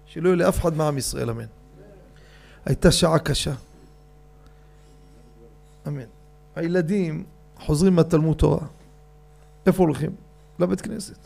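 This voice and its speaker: A man giving a rabbi's storytelling sermon, animated and addressing his audience directly. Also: on the high side, gravelly, long pauses.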